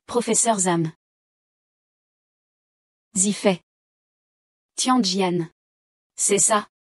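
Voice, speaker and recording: A woman dubbing every role of a drama, reading the lines in an even, steady way into a close studio microphone. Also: mid-range voice, extremely slow, breathy edge, dry recording. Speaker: dubbing voice for all roles. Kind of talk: dubbed drama dialogue.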